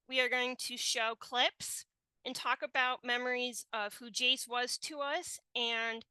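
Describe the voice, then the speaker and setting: A woman's voice: fairly high pitch, pushed and bright, smooth, no room sound. A woman hosting a casual tribute podcast over a video call, friendly and organizing her guests. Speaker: podcast host.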